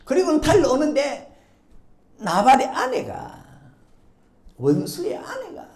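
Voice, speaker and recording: Pastor guy preaching, super lively up and down, keeps asking the crowd, roomy echo. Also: very high-pitched, takes it slowly. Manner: animated, acts out quoted speech, keeps prompting the congregation. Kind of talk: sermon. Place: church sanctuary. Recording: echoey church hall.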